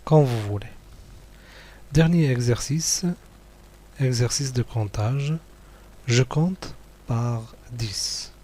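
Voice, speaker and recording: A man teaching young pupils, going slowly through a worksheet, repeating each word and praising answers. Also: medium pitch, mellow. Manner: slow, patient, repeats words and praises answers.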